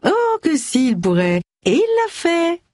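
A woman reading aloud voices a snobbish, sharp-tongued lady of the manor who talks with mocking scorn. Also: mid-range voice, very animated, normal speed, husky, no room sound, studio quality, pitched above the performer's own voice. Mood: scornful.

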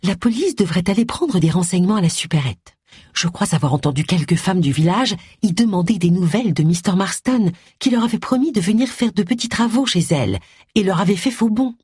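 A woman voicing a composed, kindly vicar's wife in an audiobook, gentle but firm. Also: medium pitch, expressive, a little fast, slightly rough, no room sound, clean studio sound. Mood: thoughtful.

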